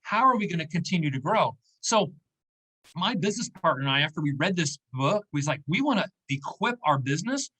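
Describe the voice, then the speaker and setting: On poor audio, a man in his fifties speaks with a fairly high pitch, big swings in intonation, a sharp and slightly rough tone, and a little extra speed. He's a business owner guesting on an interview, explaining in a chatty way punctuated by "okay?" and "right?".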